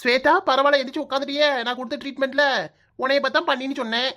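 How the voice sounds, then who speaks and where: A woman's voice: high-pitched, level tone, racing, fairly bright tone. A woman playing a cheeky mocking daughter-in-law. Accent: Kanyakumari Tamil. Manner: teasing, mocking, brash. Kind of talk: comic cartoon voice acting.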